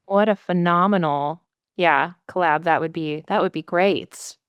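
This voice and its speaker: A woman's voice: fairly low pitch, a little slow, smooth, no echo, muffled recording. A woman from Southern Indiana hosting a casual interview, chatting in an effusive, agreeable way. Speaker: interviewer, host.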